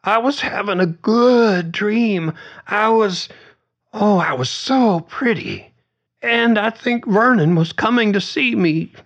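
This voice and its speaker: A man's voice: fairly high pitch, unhurried, vocal fry, hardly any pauses, slightly rough, pitched above the performer's own voice, full character voice. A man voicing a frail, cranky elderly woman in a care home who whimpers, pleads and mutters curses. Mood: pleading. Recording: dull lo-fi recording.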